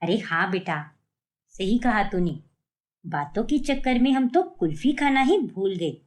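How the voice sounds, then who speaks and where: A woman voicing a homely, fussy older mother-in-law in a cartoon story, in a lowered, aged voice and a scolding manner. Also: very animated, a little slow, darkish tone. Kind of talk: cartoon voice acting.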